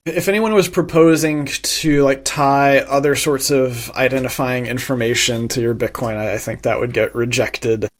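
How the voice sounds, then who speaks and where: Man, mid-pitch guest for interview, thoughtful explainer, measured delivery, frequent restarts. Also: fairly even intonation. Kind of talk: explanatory conversational interview answers.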